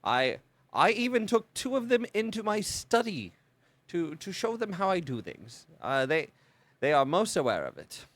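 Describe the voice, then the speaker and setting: A man's voice: high-pitched, big pitch swings, normal speed, dry recording, pitched above the performer's own voice. A man voicing a young nobleman, formal and apologetic, who stammers over his words and makes fun of himself. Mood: earnest. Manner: formal, stammering, self-deprecating.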